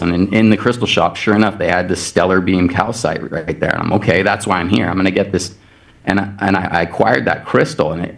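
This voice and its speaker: A man with a low voice talks over a video call as a guest on a podcast. He tells a long personal story with energy, acting out each quoted exchange as he goes. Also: vocal fry. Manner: animated retelling with many quoted exchanges. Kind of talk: anecdotal storytelling in casual chat.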